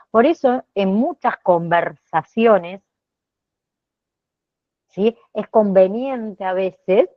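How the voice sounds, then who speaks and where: A woman lectures at an unhurried pace, dropping a questioning "¿sí?" after almost every phrase and apologizing for her own slips. The audio sounds dry and a little dull, like a computer microphone in an online class. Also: medium pitch, no room sound. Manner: checks in with frequent "¿sí?" tags; apologizes and corrects herself mid-sentence. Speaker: teacher.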